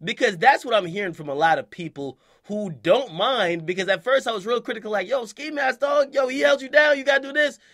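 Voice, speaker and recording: Young male online commentator; high, piercing voice; slangy, animated, keeps checking in with "okay?". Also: fairly quick, hardly any pauses. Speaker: hip-hop news commentator. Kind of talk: casual commentary to camera.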